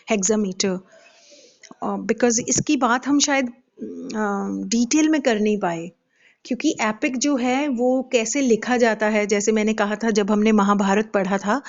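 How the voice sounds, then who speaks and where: A woman lectures slowly and carefully, stopping often on hesitant fillers and asking her class questions. Her voice sits a little high. The recording sounds dull and lo-fi. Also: a little mellow. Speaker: English literature teacher. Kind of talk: lecture mixing Hindi and English.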